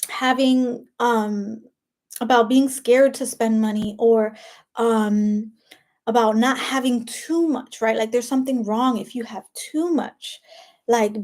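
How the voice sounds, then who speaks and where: A woman with a Spanish accent plays a life coach in a casual motivational monologue, chatty, emphatic and preachy, sprinkling in "like" and "right?". Her voice is a little high with a darkish tone.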